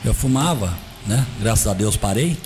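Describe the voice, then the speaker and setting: A middle-aged man, a guest who plays Santa Claus for charity, telling a story in an animated, emphatic way in a casual interview. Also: on the low side, moderate pace, noisy background.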